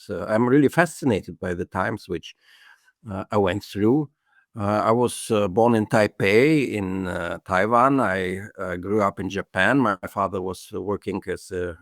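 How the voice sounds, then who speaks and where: A man's voice: fairly low pitch, no echo, studio quality. An older man, answering interview questions hesitantly with many fillers and restarts. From Germany. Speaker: guest.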